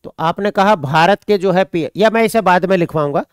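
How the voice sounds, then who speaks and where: A man's voice: sits high, a little fast, clean tone, no room sound, studio quality. A man from India, teaching an online exam-prep class. He repeats points, dictates notes and answers students' questions.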